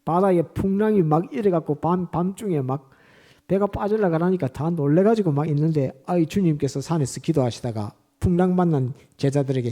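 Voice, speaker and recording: A man's voice: a little high, mellow. A man preaching a sermon in church as pastor, retelling scripture scenes vivdly and repeating his points with emphasis.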